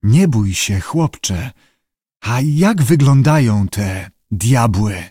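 A man voicing a gruff middle-aged ship captain with a curt, commanding way of talking, in an audiobook reading. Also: on the high side, expressive, unhurried, darkish tone, no echo, clean studio sound. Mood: gentle.

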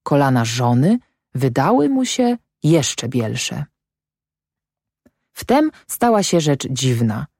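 A woman reads a classic novel aloud in a low voice for her sex, with a lively, highly varied intonation. The recording is dry and close, with no room sound. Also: takes it slowly, long pauses, dry recording. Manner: expressive storytelling. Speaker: audiobook narrator. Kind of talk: scripted narration of a classic novel.

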